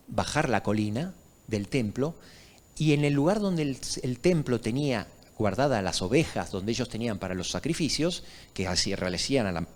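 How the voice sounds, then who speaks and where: A man preaching a sermon in a church, telling a story and asking the congregation questions. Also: medium pitch. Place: church sanctuary. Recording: reverberant church hall.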